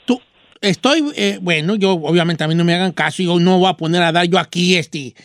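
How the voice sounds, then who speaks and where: A man performing a joking old rancher with a Mexican accent, his voice pitched up high and squeezed, a radio host rambling through a story in country slang. The sound is dry and close, with no room around it. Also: fairly quick, fairly bright tone, no echo. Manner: rambling, folksy, full of rural slang. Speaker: radio host giving advice. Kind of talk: storytelling and advice on a call-in show.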